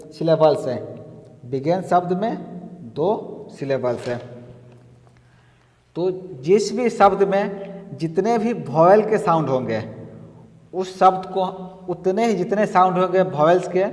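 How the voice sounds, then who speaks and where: Man, teacher, exam-prep lesson, unhurried, repeats points, long reverb. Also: high-pitched, a little mellow. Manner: slow, explaining step by step with repetitions.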